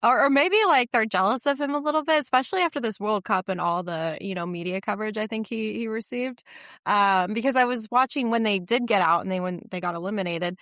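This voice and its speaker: A woman's voice: medium pitch, quick pace, fairly bright tone, no room sound, clean studio sound. A woman co-hosting a podcast, chatting casually and enthusiastically about sports. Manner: enthusiastic, reacts with short remarks. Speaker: podcast co-host.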